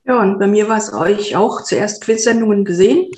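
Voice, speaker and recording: A woman's voice: medium pitch, a little fast, a little mellow, echoey room. A woman chatting casually as a hobby quiz player. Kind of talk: casual chat.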